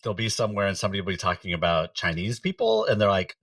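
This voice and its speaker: Casting: middle-aged male podcast host, lowish voice, easygoing, laughs a lot, heard a little off-mic in a dry space. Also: very fast, creaky, no room sound, distant mic. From United States. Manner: relaxed, laughs often, loose trailing sentences. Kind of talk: casual conversation.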